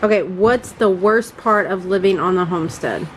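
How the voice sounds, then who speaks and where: A woman, a mother hosting a casual family question round, prompting her children with brisk questions and short encouraging replies. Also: lowish voice, a little hiss or hum, poor audio. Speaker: mother and channel host interviewing her children.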